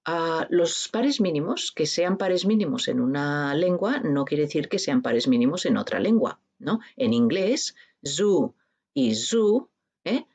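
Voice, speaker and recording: A woman's voice: low voice, animated, measured pace, few pauses, darkish tone, husky. A woman with a peninsular Spanish accent giving a university linguistics lecture. She explains step by step and keeps checking in with her students through tag questions. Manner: addresses students informally.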